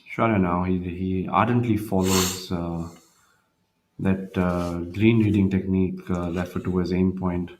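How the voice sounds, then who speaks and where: Low-voiced male golf commentator. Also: steady tone, measured pace, a little mellow, a little hiss or hum.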